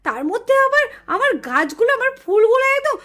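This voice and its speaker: A woman voicing a quarrelsome village mother in a doll show, scolding and shouting her complaints. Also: very high voice, very animated, quick pace, exaggerated voice. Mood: furious. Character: shrill quarrelsome village mother, easily enraged.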